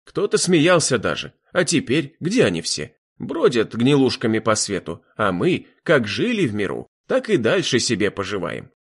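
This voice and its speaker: A man voicing a sly, evasive old village elder who speaks slowly in a folksy, smiling way. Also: mid-range voice, wildly swooping pitch, husky, heavily acted.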